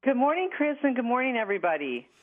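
A woman's voice: on the high side, sing-song, fast talker. A woman calling in as a radio guest, chatting in an upbeat, promotional way over the telephone. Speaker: guest, travel company representative. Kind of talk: casual promotional radio interview. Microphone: telephone call-in. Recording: narrow, tinny phone line.

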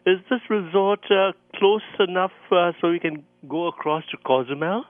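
A man's voice: sits high, normal speed, no room sound. A man phoning a radio show with a casual question, heard over a phone line.

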